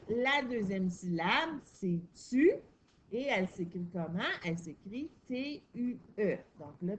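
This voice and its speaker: A woman with a Quebec French accent teaches a young child to read and copy words, taking it one careful step at a time. She talks slowly and patiently, with a voice of middling pitch. A faint noise sits under her voice. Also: muffled recording. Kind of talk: reading and writing lesson for a young child.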